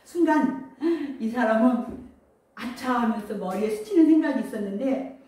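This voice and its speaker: A woman's voice: a little high, lively intonation, normal speed, dark tone. A woman pastor preaching a sermon to her congregation and leading it in call-and-response. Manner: leads congregation in call-and-response, sings hymn lines. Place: large church hall. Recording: very echoey hall, voice from far off.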